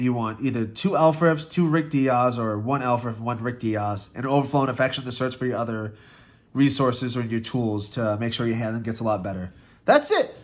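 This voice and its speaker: A young man casually walking through a trading card deck, with loose, rambling talk, restarts and frequent swearing. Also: mid-range voice. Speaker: card game content creator. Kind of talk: casual deck tech breakdown.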